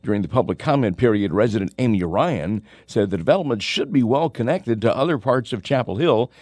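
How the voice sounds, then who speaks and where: A man's voice: medium pitch, expressive, fairly quick, a little mellow, no room sound, clean studio sound. A man anchoring radio news, reading scripted local stories.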